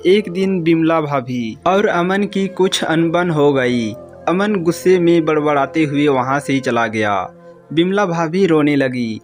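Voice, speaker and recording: A man narrating a scripted moral story in a calm, measured way. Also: on the high side.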